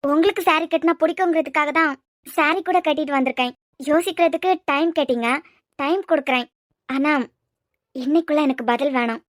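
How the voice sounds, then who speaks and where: A woman's voice: high-pitched, a little fast, no echo, clean studio sound, natural voice. A woman with a Kanyakumari Tamil accent, voicing a bold young woman in love in a cartoon series, pressing and pleading. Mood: hopeful. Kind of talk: cartoon web-series voice acting.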